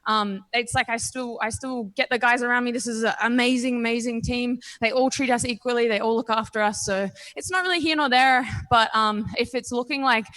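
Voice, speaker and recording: A young Australian woman speaks as a fighter in a post-fight interview, her voice pitched a little high. She is confident and frank, talking casually and thinking aloud between ums. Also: steady tone, fairly quick, hardly any pauses, fairly bright tone. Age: 20s. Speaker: professional MMA fighter.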